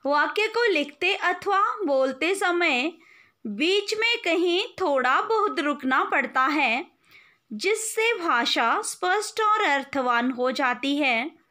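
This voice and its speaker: A woman teacher, giving an online grammar lesson in a slow, deliberate, dictation-like way. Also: high voice, sharp tone.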